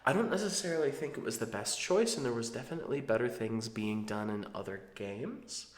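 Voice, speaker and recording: A man's voice: mid-range voice, a little fast. Conversational man in an echoey room. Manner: digressive, conversational. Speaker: video channel host. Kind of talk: casual, rambling retro game commentary. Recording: roomy, echoing sound.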